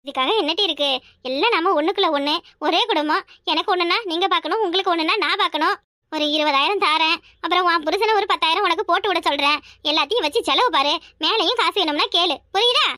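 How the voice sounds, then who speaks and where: A bossy cartoon mother-in-law, put on by a woman, barking orders. Her voice is pitched lower than the woman's other role, and it stays bright and quick with a dry, close sound. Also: no room sound. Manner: scolding, commanding. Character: older mother-in-law, bossy but generous. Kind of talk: cartoon voice acting.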